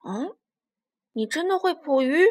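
A woman's voice: high-pitched, animated, measured pace, pitched above the performer's own voice. Woman doing a big lonely T-rex uncle. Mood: gruff. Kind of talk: children's storybook reading.

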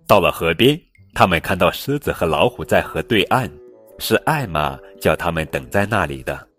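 A man's voice: low voice, slightly rough. A man reading a children's picture book aloud in a storytelling voice, with light music behind. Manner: slow, lively storytelling. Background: light background music.

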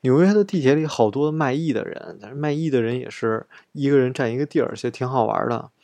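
A man's voice: medium pitch, fast, creaky, warm tone, dry recording. A man telling a chatty travel story, acting out what he and others said along the way. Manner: chatty, retells scenes with quoted dialogue. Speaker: travel vlogger. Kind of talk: casual storytelling monologue.

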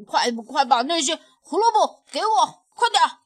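A woman voicing a bossy big male bully rabbit in a storybook, loud and blustering. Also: a little high, sing-song, measured pace, husky, full character voice.

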